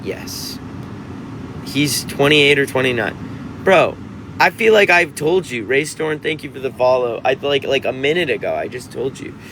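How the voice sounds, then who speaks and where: A man's voice: mid-range voice, lively intonation, a little slow, background noise. Rambling young man chatting on a livestream. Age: 20s. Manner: rambling, restarts often, chatty. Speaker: musician livestreaming to fans. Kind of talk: casual livestream chat, reading comments.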